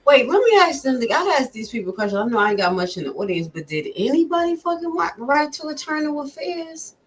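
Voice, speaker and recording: A woman vlogger talks fast in a high, sing-song voice. Reacting to a recording, she gives blunt, profane commentary and speaks directly to her viewers.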